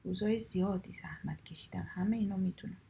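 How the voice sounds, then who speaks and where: A woman's voice: mid-range voice, gravelly, dark tone, breathy edge. A woman voicing a wronged male rabbit in a children's story, protesting in surprise.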